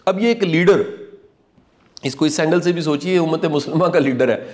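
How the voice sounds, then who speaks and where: A middle-aged man with a slightly high, somewhat mellow voice delivers a motivational talk. He speaks earnestly, like a preacher, repeating key lines for emphasis in a reflective commentary.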